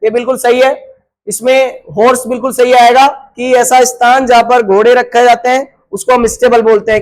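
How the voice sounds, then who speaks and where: A male teacher with an extremely high-pitched voice gives an exam-prep grammar lesson, asking questions and answering them himself. He spells words out letter by letter. The audio is poor.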